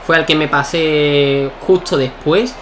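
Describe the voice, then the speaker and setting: Young man, live gameplay commentary, excitable, fairly high voice, clear background noise. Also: slow. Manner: excitable, shouts at key points. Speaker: gaming YouTuber.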